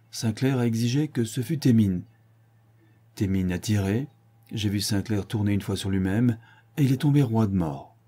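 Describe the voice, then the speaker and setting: A man voicing a sober, matter-of-fact older colonel in a storybook, recounting calmly. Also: fairly low pitch, breathy edge. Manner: calm, detached recounting.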